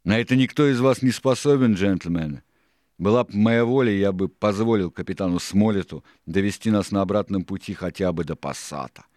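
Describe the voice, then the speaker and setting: A man voicing a cunning, domineering older pirate cook in an audiobook, lecturing loudly and scornfully. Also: fairly low pitch, no echo, clean studio sound, voice pushed up, lightly acted. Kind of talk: audiobook character reading.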